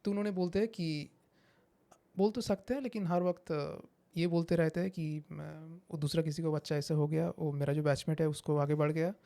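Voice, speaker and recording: A man's voice: a little high, fairly even intonation, moderate pace, creaky, mellow. A man, a psychiatrist guest explaining patiently with examples and slipping into English phrases. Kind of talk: explanatory interview talk.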